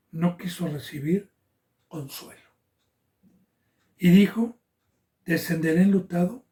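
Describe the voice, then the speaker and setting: A male pastor from Mexico preaching a Bible sermon, swelling loud when he quotes scripture and dropping almost to a whisper between. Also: on the high side.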